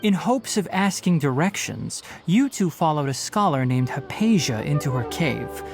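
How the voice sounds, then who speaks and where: Tighnari, animated young game mentor. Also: male voice, a little high. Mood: instructive. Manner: precise, explanatory, measured. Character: calm, bookish young male forest ranger mentor, gently stern. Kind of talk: anime video game voice acting. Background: music.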